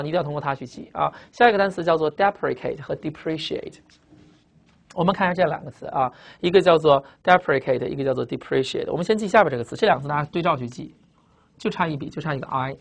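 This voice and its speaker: A vocabulary teacher giving a classroom lecture, emphatic and repetitive, often tagging sentences with a drawn-out "ah". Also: medium pitch, gravelly. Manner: repetitive, emphatic, peppers speech with "啊".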